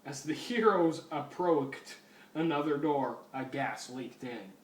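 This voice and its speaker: Taking it slowly in a fairly high voice, a man performs a comic dramatic reading of fan fiction, pausing now and then to add amused remarks. The recording is echoey and distant, with a faint noise floor.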